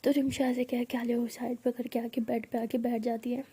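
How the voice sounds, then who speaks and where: A young woman narrating her own love story in soft, half-whispered tones. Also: a little high, flat delivery, brisk, breathy edge.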